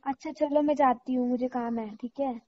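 A woman's voice: sits high, fairly even intonation, moderate pace, dull audio. A woman chatting casually over in-game voice chat, brushing off a player with dismissive taunts.

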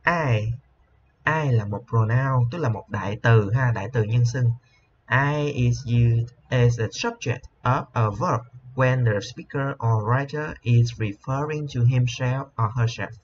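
A male teacher explains an English lesson. He is patient, repeats each word slowly, and often adds a soft tag to his sentences. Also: mid-range voice. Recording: slightly dull lo-fi with faint hiss.

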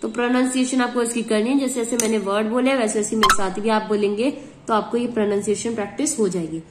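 A woman with an Indian accent teaching an English lesson to schoolchildren, spelling words out letter by letter and dictating sentences slowly. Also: on the high side, fairly even intonation, roomy sound, background noise. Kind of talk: classroom lesson explanation.

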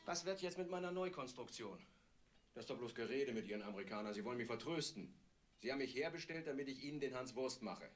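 An actor playing a proud, irritable engineer who speaks curtly. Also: male voice, mid-range voice, animated, soft background music, lightly acted. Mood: grumpy. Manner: curt, grumpy, brisk.

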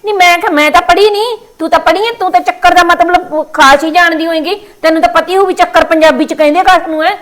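A woman's voice: very high voice, fairly even intonation, a bit bright. A Punjabi-accented woman in a scripted family quarrel sketch, scolding and nagging. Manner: scolding, nagging, rapid-fire.

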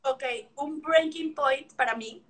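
Bright, high-voiced Mexican woman. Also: slow pace. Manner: animated storytelling, acts out remembered dialogue. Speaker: guest, former figure skater. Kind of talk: casual video chat. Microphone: video call.

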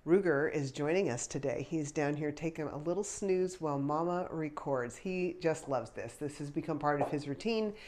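Her voice sits low and darkish, moving at a moderate pace with hardly any pauses, over slight background noise. A congested woman in her fifties, she's a fashion vlogger doing a chatty unboxing and try-on indoors in a small pink bedroom, laughing softly as she thinks aloud into a clip-on lapel mic.

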